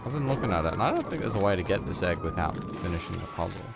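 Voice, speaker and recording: Low gravelly man talking over gameplay. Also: very animated, rapid-fire, over loud music. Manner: mumbling, self-deprecating asides. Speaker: gamer. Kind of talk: casual gameplay commentary.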